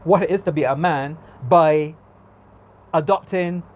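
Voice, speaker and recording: A vlogger from Barbados rants casually in a Barbadian accent, his voice on the high side and a little slow. He sounds exasperated and emphatic, repeating his points.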